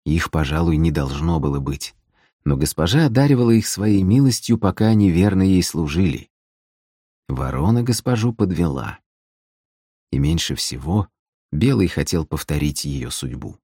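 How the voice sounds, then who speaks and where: A man narrating a fantasy audiobook in a measured, even storytelling manner. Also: sits low, breathy edge, no echo, clean studio sound.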